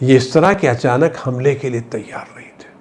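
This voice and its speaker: A man delivering a Friday sermon, telling the story with passion, his voice rising high for emphasis, then dropping low and quiet. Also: moderate pace. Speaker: Shia cleric giving a Friday sermon. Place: studio.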